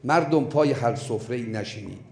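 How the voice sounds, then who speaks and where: A man preaching a sermon as a story, telling it in an emphatic way and slowing down on key points. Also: mid-range voice, gravelly, darkish tone, echoey room, a little hiss or hum.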